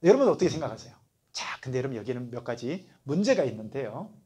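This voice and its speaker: A man's voice: medium pitch, big pitch swings, fast, warm tone, breathy edge. A male pastor teaching a Bible study class, talking conversationally and often putting questions to his listeners.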